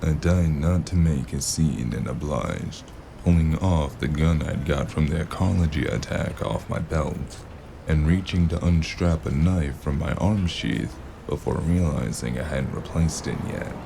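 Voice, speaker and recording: A man playing a weary, sardonic noir gun-for-hire in an audio drama, with a gravelly voice and dry, clipped delivery. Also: a little slow, dark tone, a little hiss or hum, exaggerated voice. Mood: resigned. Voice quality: gravelly, very low. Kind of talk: noir detective audio drama with hardboiled narration.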